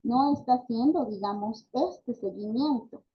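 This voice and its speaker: A woman's voice: on the high side, measured pace. Bolivian woman lecturing, lo-fi audio. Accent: Bolivian Spanish. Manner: conversational, with many fillers and tag questions. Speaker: speech therapy lecturer. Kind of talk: online class lecture.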